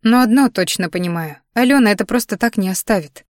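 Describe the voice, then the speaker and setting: Woman, first-person audiobook narration, mid-pitched, dry close mic. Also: fast, no room sound.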